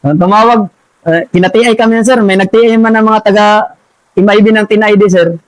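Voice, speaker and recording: Man, army sergeant, deferential, says "sir" nonstop, halting restarts, very high pitch. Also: steady tone, no echo, poor audio. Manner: says "sir" after nearly every phrase; halting, with many restarts and repeated words. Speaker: army sergeant recounting his past as a rebel. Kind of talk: casual spoken testimony.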